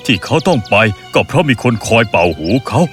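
A man's voice: mid-range voice, sing-song, fairly quick, a bit bright, faint music behind. A man playing a loyal, humble male tutor who speaks earnestly and with dignity in a storybook tale.

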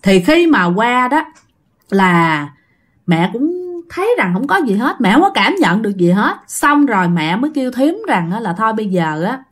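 A woman's voice: fairly high pitch, moderate pace. A middle-aged woman with a Southern Vietnamese accent, telling a ghost story and talking straight to her listeners. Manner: animated, addresses listeners directly.

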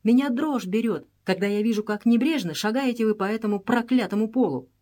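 A woman reading the lines of a timid, excitable English sidekick in an audiobook, with jittery exclamations. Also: a little high, brisk, natural voice.

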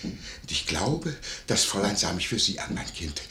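An actor playing a nosy, wheedling innkeeper in a 1950s radio play, gossiping in a lively way. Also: male voice, low voice, moderate pace, heavily acted. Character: nosy, fawning male innkeeper, middle-aged. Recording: echoey 1950s radio studio.

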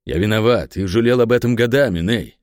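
A man's voice: on the low side, brisk, a little mellow, no echo, studio quality, pitched above the performer's own voice, close to an everyday voice. A man reading an audiobook voices a guilt-ridden, obsessive man who pleads emotionally. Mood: remorseful. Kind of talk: audiobook character voice.

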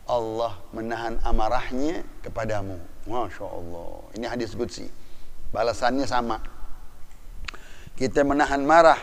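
A man preaching a sermon, animated, asking the congregation rhetorical questions. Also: medium pitch. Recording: long hall reverb.

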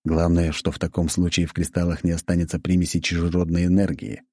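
A man narrating a first-person audiobook in an even, measured way. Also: deep voice, dry recording, studio quality.

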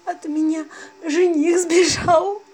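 A woman's voice: sits high, animated, normal speed, faint music behind, pitched above the performer's own voice. A woman voicing a weepy, self-pitying dead young bride who talks through sobs. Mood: sobbing. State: sobbing.

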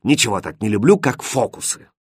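A man's voice: on the low side, big pitch swings, a little fast, breathy edge, dry recording, clean studio sound. Storybook king, jolly, delighted by tricks, condescending, man reading. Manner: cheerful, condescending. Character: jolly easily amused old king.

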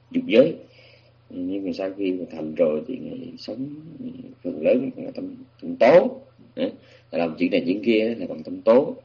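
Male dharma teacher, husky and low, talks through a sutra with restarts, dull lo-fi recording. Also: a little mellow. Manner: explanatory, with many restarts and fillers. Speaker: Buddhist teacher. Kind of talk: sutra lecture.

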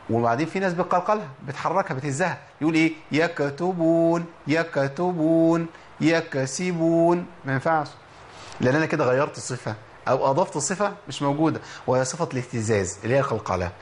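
A man with an Egyptian accent teaching tajweed, drilling letter sounds slowly and repeating example words. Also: mid-range voice, slight background noise. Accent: Egyptian Arabic. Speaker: Quran recitation teacher. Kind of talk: Egyptian Arabic tajweed lesson.

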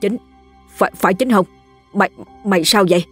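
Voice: mid-range voice, fairly quick, fairly bright tone, husky, soft background music. A storyteller voicing a blunt, practical older fisherman. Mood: gruff. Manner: blunt, brusque.

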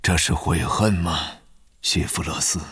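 Dumbledore, a man voicing a soft husky old wizard. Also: low voice, steady tone, measured pace, no room sound, voice pushed down, exaggerated voice. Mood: gentle. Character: wise elderly male headmaster wizard, calm and gentle. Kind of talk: audiobook character voice.

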